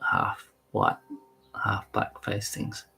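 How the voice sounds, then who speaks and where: A man's voice: slow, bright, forceful tone, faint music behind, low-quality recording. A man co-hosting a podcast, joking in casual chat and reading a sacred text aloud in a laid-back way. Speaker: podcast co-host.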